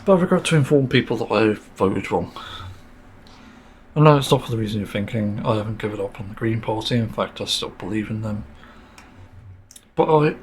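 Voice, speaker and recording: A man's voice: on the low side, lively intonation, brisk, a little hiss or hum. Exasperated man ranting solo. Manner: frustrated, swearing, many fillers and sighs. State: sore throat, mint in mouth. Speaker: podcast host. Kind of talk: solo podcast rant.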